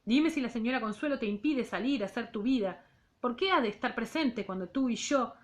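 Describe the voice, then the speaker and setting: A woman's voice: fairly high pitch, lively intonation, brisk, close to an everyday voice. A woman reading the part of an insistent young man aloud from a novel. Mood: urgent.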